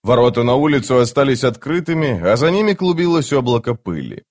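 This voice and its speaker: A man narrating a fantasy audiobook in a measured, steady way. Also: medium pitch.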